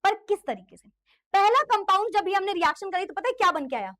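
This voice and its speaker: Really high-pitched lady teaching chem online, playful and teasy, keeps quizzing the kids. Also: lively intonation, quick pace, fairly bright tone. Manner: playful, teasing, quizzing students. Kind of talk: online chemistry lecture.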